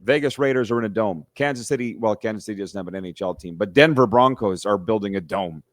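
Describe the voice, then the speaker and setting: A man's voice: fairly low pitch, quick pace, no echo. A man who hosts another hockey podcast, a guest here, giving opinions in long, run-on casual chat.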